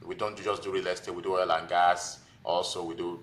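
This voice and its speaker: There's a little hiss or hum behind this low, flat, brisk male voice. He's in his forties, speaks with a Nigerian accent, and works as a physician and investor, telling his own story informally as a guest in a conversational podcast interview.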